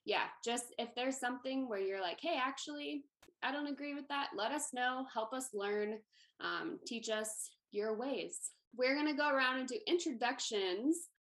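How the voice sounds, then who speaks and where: A woman's voice: high-pitched, normal speed, a bit bright. A woman who works as a music therapist, casually leading a group discussion in a friendly, informal, reassuring way. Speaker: music therapist and panel moderator.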